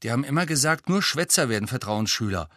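A man's voice: medium pitch, animated, bright, forceful tone, no echo, clean studio sound, pitched above the performer's own voice. A man voicing an eager, hopeful teenage boy in a storybook reading. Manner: eager, hurried.

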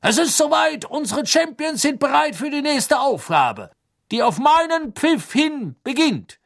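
A man voicing a jovial middle-aged male tournament announcer who calls out loudly and excitedly across the water. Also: very high-pitched, slow pace, gravelly, breathy edge, voice pushed up, heavily acted. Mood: booming excitement.

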